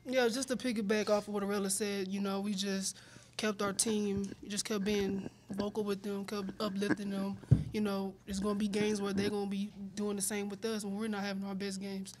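A young woman player speaks steadily into a table mic at a press conference. Her pitch stays even and level, with a faint hum of room noise behind. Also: normal speed. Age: young adult. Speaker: college basketball player. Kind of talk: post-game press conference answers. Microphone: table mic on stand.

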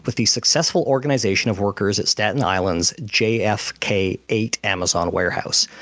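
A man hosting a podcast panel, reading out news summaries in a measured way between casual chat. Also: medium pitch, no echo, clean studio sound.

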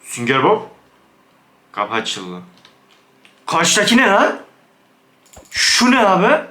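Gaming YouTuber, male, bright lively voice, jumpy and easily spooked, echoey room. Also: high-pitched, takes it slowly. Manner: jumpy, excitable, switches to hushed scared whispers. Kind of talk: Minecraft let's play commentary.

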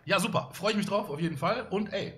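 A male streamer hosts a live stream, chatting casually with viewers and rambling with many fillers from a studio room with windows while faint music plays. His voice is high-pitched and fast, and the background is noisy.

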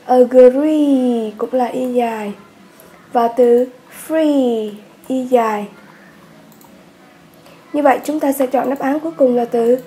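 A woman teaching an English workbook lesson with a Vietnamese accent, patiently repeating words slowly for her students. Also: high voice, mellow, slight background noise.

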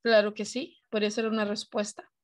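A female teacher with a Mexican accent leads an online class over a video call, speaking briskly at a medium pitch with little rise and fall. She explains things patiently and frequently asks her students questions.

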